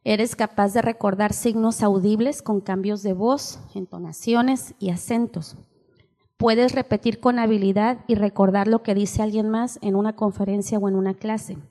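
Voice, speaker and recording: A woman's voice: medium pitch, steady tone, normal speed, warm tone. Older woman lecturing in a reverberant hall. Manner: explains while reading aloud, keeps asking ¿sí?. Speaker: teacher trainer at a church seminar. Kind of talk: seminar lecture. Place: church hall.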